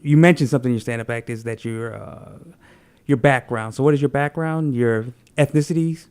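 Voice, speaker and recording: A man from Tennessee hosting a casual talk show, chatting in a rambling, animated way with many restarts. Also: medium pitch, a little fast, clean tone. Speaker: podcast host. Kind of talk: casual chat.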